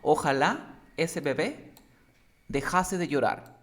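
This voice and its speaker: A man's voice: on the high side, big pitch swings, slow, a bit bright. A man teaching English one-on-one, giving feedback patiently and explaining step by step while often checking that his student understands.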